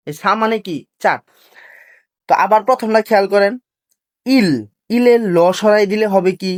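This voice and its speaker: Woman teacher, patient drilling lesson, asks and answers her own questions, mid-pitched voice. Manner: repeats each point as a question and answers it. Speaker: Korean language teacher. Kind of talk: classroom lesson.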